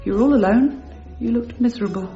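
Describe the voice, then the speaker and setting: In a radio drama, an actress voices a prim, composed married landlady in her thirties, speaking articulately, insistently, and probingly. Her fairly high voice is fast and dark-toned, close to an everyday voice, with the highs cut off and faint music behind.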